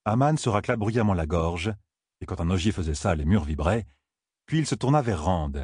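Guy narrating an audiobook, low husky voice, calm and measured, close mic. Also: no echo. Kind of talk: scripted narration.

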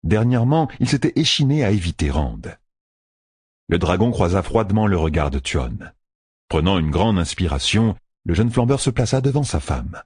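A male narrator reads a novel aloud with measured expression. His voice is low and husky, moving widely in pitch. The recording is dry and close. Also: very animated, a little mellow, no echo. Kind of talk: audiobook narration.

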